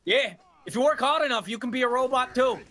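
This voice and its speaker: A man doing cocky fast-talking Scout. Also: extremely high pitch, sharp tone. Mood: mock-offended. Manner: boastful, mock-offended wisecracking. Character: brash cocky young male mercenary gamer. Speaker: character guest on charity stream.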